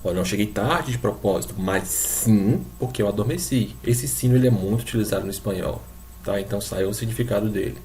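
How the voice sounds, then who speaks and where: A man's voice: lowish voice, fairly quick, a little mellow, a little hiss or hum. A man from Brazil teaching a recorded class, explaining patiently and repeating examples for his students. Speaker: Spanish teacher. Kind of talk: recorded online class lecture.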